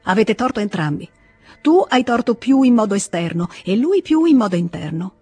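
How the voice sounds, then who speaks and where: A reader doing an earnest, calm man. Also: mid-range voice, normal speed, slightly rough, no echo, faint music behind, voice pushed up. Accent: Italian. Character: calm, earnest younger brother. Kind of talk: radio audiobook reading.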